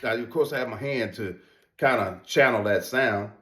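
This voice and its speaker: A man's voice: mid-range voice, moderate pace, a bit bright. A man giving a casual product demonstration in an emphatic, folksy way, often repeating his phrases. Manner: emphatic, repetitive, folksy informal talk. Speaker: presenter reviewing duck calls. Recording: roomy echo.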